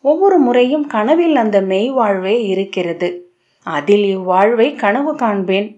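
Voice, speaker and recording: A woman's voice: mid-range voice, expressive, a little slow, darkish tone, lightly acted. A woman reading the lines of a dazed young male disciple, who recounts a strange night in a bewildered, dreamlike way, on a dull lo-fi recording. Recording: dull lo-fi audio.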